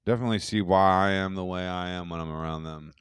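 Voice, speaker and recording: A man's voice: low voice, fairly even intonation, fast, clean tone, no echo. A young man co-hosting a podcast in casual, rambling chat, swearing and restarting often. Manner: rambling, loose and profane, many restarts. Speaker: podcast co-host.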